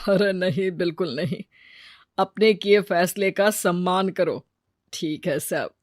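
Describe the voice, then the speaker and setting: A woman voicing a middle-aged husband in a cartoon story, lowering her voice to sound calm and comforting. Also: slow pace, no room sound, studio quality. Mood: soothing. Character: middle-aged husband, low, soothing man.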